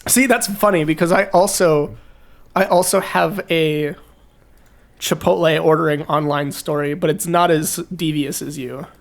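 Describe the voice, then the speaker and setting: A young man co-hosting a podcast, telling a story in casual chat, excitable and profane, laughing through it. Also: on the high side, a little slow, gravelly. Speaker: podcast co-host.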